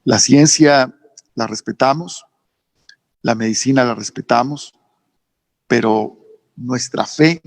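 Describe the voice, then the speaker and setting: A man with a northern Mexican accent, a pastor preaching a sermon, repeating phrases emphatically and rising in pitch on key words. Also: a little mellow, no echo. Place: church service streamed online.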